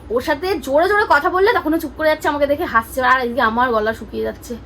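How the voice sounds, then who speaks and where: A tired mother speaks in a high voice with a gravelly, creaky edge. She coos to her baby and then chats casually to the camera, with faint noise behind her. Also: quick pace, fairly bright tone, rough recording. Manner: cooing baby talk to her infant between talk to the camera. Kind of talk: casual vlog chat.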